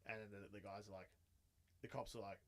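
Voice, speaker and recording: A man's voice: fairly low pitch, steady tone, fast, crowd noise. An Australian man co-hosting a podcast, chatty and retelling stories with quoted voices. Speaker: podcast co-host. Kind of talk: casual chat.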